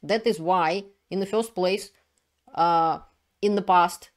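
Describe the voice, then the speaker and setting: A woman's voice: lowish voice, takes it slowly. A middle-aged woman from Russia with a Russian accent, hosting her own channel and explaining news in an earnest way, with frequent fillers and restarts. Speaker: channel host. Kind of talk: solo commentary video.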